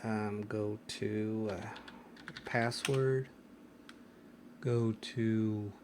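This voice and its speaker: A man's voice: on the low side, steady tone, extremely slow, noisy background. A man hosting a casual screen-recorded tech tutorial, hesitant and full of ums and restarts. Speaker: tech video host.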